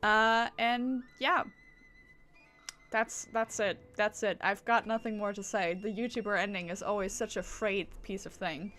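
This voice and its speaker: With soft music playing behind her, a woman streaming games chats in a rambling, giggly style that keeps doubling back on itself. Her voice is medium in pitch, steady, unhurried, and fairly bright.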